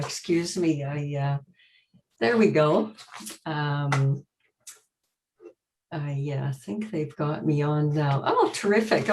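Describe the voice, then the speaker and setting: Woman, lowish voice, flustered apologetic manner, video call. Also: darkish tone, slight background noise. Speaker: panelist. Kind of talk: casual panel talk.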